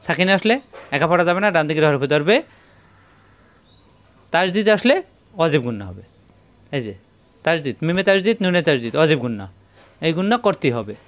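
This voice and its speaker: A man teaching Arabic letters in a step-by-step lesson, repeating syllables slowly in drills. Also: fairly high pitch, animated. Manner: repeats syllables in slow drills and tells viewers to take note. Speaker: Quran reading teacher.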